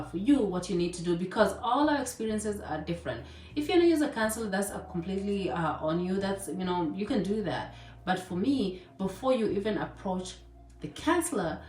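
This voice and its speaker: A woman's voice: on the low side, a little mellow. Chatty woman in an echoey room. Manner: chatty, many fillers and asides. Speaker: vlogger. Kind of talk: casual advice talk. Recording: echoey room, voice a bit distant.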